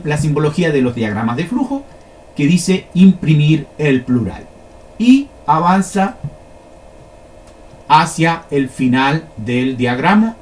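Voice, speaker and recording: Man with a lively high voice, teaching step by step. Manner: explains step by step, checks in with listeners often. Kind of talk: classroom lesson on flowcharts.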